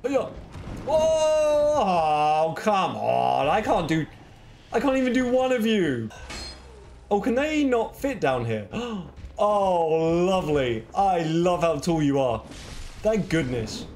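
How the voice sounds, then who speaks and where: A young man streaming a game live, laughing and shouting reactions at the enemies he fights. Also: high voice, big pitch swings, a little slow, a little hiss or hum. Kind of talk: live gameplay commentary.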